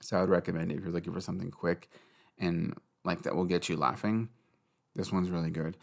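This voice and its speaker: A man's voice: deep voice, level tone, a little fast, gravelly. A young man hosting a casual solo podcast, rambling and giggly, swearing freely. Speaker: podcast host.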